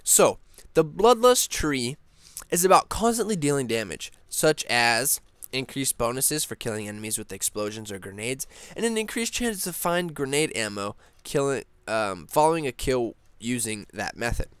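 A young man hosting a casual gaming news vlog, rambling excitedly with lots of fillers and restarts. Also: mid-range voice, moderate pace, clear, resonant tone, no room sound. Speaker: gaming channel host.

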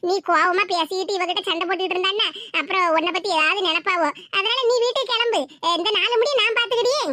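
A woman voicing a sharp-tongued, teasing village woman in a cartoon, with a Tirunelveli Tamil accent. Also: very high voice, fast talker, no echo. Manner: teasing, mocking, laughs often.

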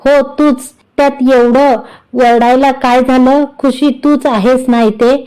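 Woman reading a stern scolding household elder, storybook voice, mellow low warmth, smooth tone. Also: steady tone, measured pace, poor audio. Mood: bossy. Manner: scolding, bossy.

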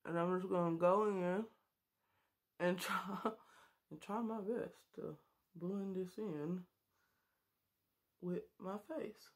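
This beauty vlogger, a woman in her thirties, takes things slowly and pauses often, her voice sitting on the low side. She jokes and chats with viewers while applying makeup in a casual tutorial. A webcam captures her up close in a small bedroom.

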